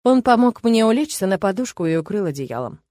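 A woman narrating a first-person audiobook story in a steady, lightly wry manner. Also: mid-range voice, brisk, no echo.

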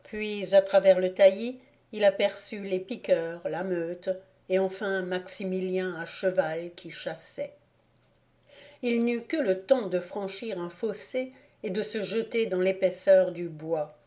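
Slow, mellow woman reading a novel aloud. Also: medium pitch. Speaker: volunteer audiobook reader. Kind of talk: scripted narration of a classic novel.

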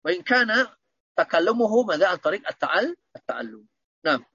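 A man's voice: high-pitched, very animated, a little fast, sharp tone, breathy edge, dry recording, dull audio. A man teaching Arabic grammar online, patiently repeating points and quizzing his students.

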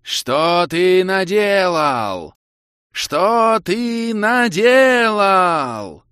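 A monstrous female fire cobra, as a male narrator puts her on, bellowing her demands in a high, strained voice and stretching every word out slowly. Furious and commanding, she sounds like a creature from an audiobook fantasy. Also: big pitch swings, bright, forceful tone, no room sound, studio quality, exaggerated voice. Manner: roaring, slow, drawn-out demands.

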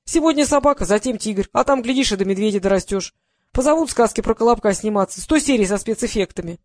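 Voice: mid-range voice, expressive, quick pace, dry recording, natural voice. An audiobook reader voicing a male film crew member who teases and coaxes a reluctant actress. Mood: teasing. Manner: teasing, laughing persuasion.

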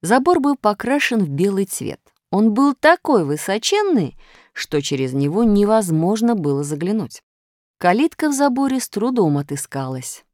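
A woman narrating a children's storybook in an expressive way. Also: medium pitch, moderate pace, dry recording, clean studio sound. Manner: lively, expressive. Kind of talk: audiobook narration.

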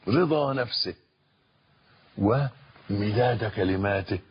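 A man with an Egyptian accent delivers a sermon in a low, husky voice, repeating phrases and climbing to loud, emphatic peaks of passion. The recording is dull and lo-fi, with a rough, breathy edge to every word. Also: takes it slowly. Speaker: preacher. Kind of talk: Islamic sermon in colloquial Arabic.

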